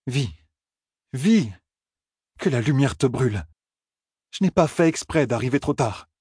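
Man doing strained young guy, desperate, a bit husky, higher than the narration. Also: lively intonation, unhurried, no room sound, studio quality. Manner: desperate, strained, shouting at times. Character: distraught young man wielding great power.

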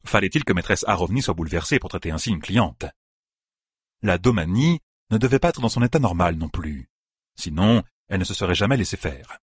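A man narrating a fantasy audiobook in a measured storytelling manner. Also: sits low, husky, no echo, clean studio sound. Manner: measured storytelling, quoting characters.

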